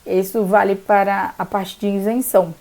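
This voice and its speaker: Her mid-range voice is a little mellow and creaky, with little pitch movement and a normal speaking speed. She's a young São Paulo law graduate walking viewers through bar exam rules in a chatty vlog, habitually asking "tá bom?".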